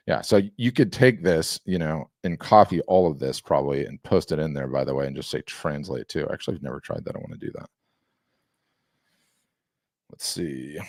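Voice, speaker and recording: A man casually demonstrating a software tool, enthusiastic and rambling, often restarting his sentences. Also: extremely low pitch, vocal fry, no room sound, studio quality. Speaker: software demo host. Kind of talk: casual screen-share demo.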